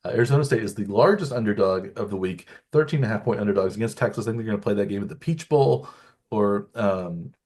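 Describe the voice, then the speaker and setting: A middle-aged man co-hosts a sports podcast, rambling through his picks in casual sports chat full of restarts and fillers. His voice is lowish, fast and a little mellow.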